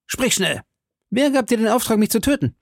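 A man's voice: very high-pitched, expressive, brisk, vocal fry, no room sound, clean studio sound, pitched above the performer's own voice, full character voice. A man voicing d'Artagnan, a bold, fiery young musketeer who speaks in a commanding, threatening way.

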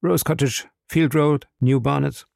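A man doing a high, agitated old grey-bearded man. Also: steady tone, a little slow, gravelly, darkish tone, no room sound, studio quality. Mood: eager. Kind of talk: audiobook reading.

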